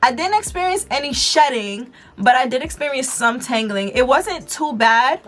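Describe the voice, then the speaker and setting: A woman's voice: sits high, lively intonation, normal speed, fairly bright tone. An American woman giving a casual, chatty product review as a beauty vlogger, talking in informal slang straight to her viewers.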